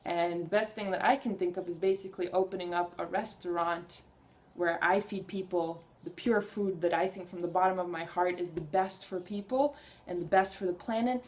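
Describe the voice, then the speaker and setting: In a casual personal vlog, a young woman with Hungarian as her first language talks to camera, earnest and eager, rambling a little and restarting sentences. Her voice has a fairly low pitch and steady tone at normal speed.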